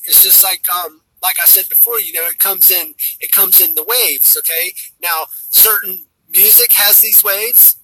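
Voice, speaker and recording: A man's voice: sits high, sharp tone, breathy edge, poor audio. A man giving a rambling spiritual monologue, tagging "okay?" onto nearly every phrase and often repeating and restarting his words. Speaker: spiritual speaker.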